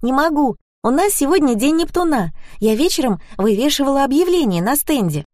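A woman reader voicing an excited, tipsy woman on holiday, talking high and bubbly. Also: brisk, dry recording, clean studio sound.

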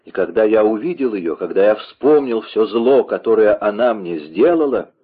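A wounded executioner on his deathbed, gasping out desperate pleas in a low, husky voice, put on by a man reading a storybook aloud. The recording is dull and lo-fi. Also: expressive, moderate pace. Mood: pleading. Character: dying wounded male executioner, pleading for absolution.

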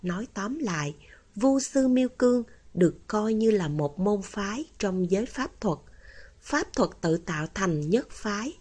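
Husky woman narrating an audiobook. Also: mid-range voice, lively intonation, a little slow, darkish tone. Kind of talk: scripted narration.

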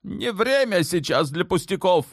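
A man's voice: a little high, lively intonation, a little slow, gravelly, no room sound, clean studio sound, pitched above the performer's own voice, heavily acted. A man voicing the sultan's mother in an audiobook, an older woman who speaks firmly and measuredly, clipped when pressed. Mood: stern. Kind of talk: audiobook character voice.

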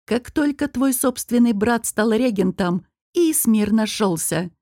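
A woman voicing a stern male emperor who speaks in a measured, accusing way. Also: on the high side, animated, dark tone, no room sound, clean studio sound.

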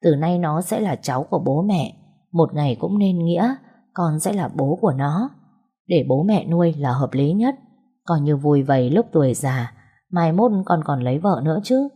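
A woman's voice: sits low, lively intonation, normal speed, warm tone, slightly rough. A woman reading the lines of an elderly mother who fusses and persuades her grown son. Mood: coaxing. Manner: chatty, persuading. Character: elderly village mother, doting and bossy.

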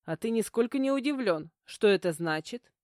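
A woman's voice: a little high, animated, normal speed, darkish tone, dry recording, studio quality, pitched above the performer's own voice, lightly acted. A woman doing a feisty, snappy young heroine. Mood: accusing. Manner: snappish, indignant.

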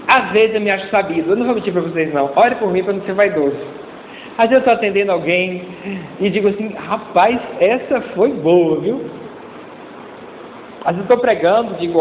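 A male pastor preaching a sermon in a lively, joking way, calling out to the congregation for responses. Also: high-pitched, slight background noise. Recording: echoey church hall over a tinny lo-fi line.

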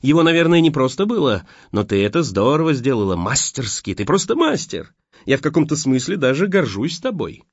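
A sly dead young man taunts and mocks in a lively, wandering voice, as a man acts him out. His tone is cunning and cruel. The recording sounds dull and close. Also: medium pitch, brisk, no room sound, pitched above the performer's own voice. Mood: mocking.

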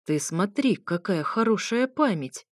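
A woman voicing a sardonic adult man, the heroine's ex, who speaks in a dry, mocking, unhurried way. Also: lowish voice, darkish tone, dry recording, close to an everyday voice.

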